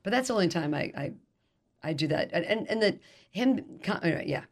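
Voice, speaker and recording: Brief: middle-aged woman guest, quick and chatty, self-deprecating, frequent laughs. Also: lowish voice, expressive. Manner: rapid, rambling, self-deprecating, laughing often. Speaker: author guest. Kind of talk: casual interview chat.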